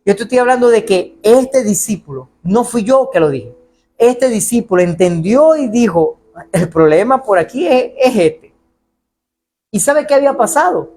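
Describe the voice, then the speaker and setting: A man preaching a sermon as pastor in a church, animated and acting out the voices of people he quotes. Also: very high-pitched, normal speed.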